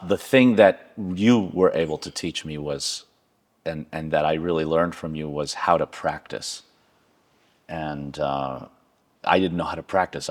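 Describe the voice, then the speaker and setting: A man, a violinist interviewing his former teacher, talking eagerly and haltingly, with many restarts. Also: a bass voice. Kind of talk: conversational interview.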